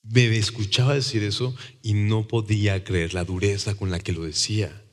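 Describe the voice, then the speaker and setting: Low-voiced Mexican man telling his story. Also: normal speed, long reverb tail. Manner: animated storytelling, acts out quoted voices. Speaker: testimony speaker. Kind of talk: conversational testimony.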